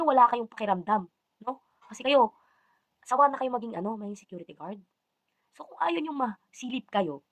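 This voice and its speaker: A woman's voice: on the high side, no room sound. A woman ranting indignantly to the camera, defending herself and slipping into English phrases. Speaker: vlogger answering accusations. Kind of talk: heated personal rant to camera.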